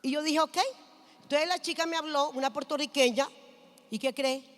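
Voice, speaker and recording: A woman's voice: high voice, steady tone, a little fast, a bit bright. A woman pastor preaching a sermon, telling a personal story and asking the congregation questions. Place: large church hall. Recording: long hall reverb.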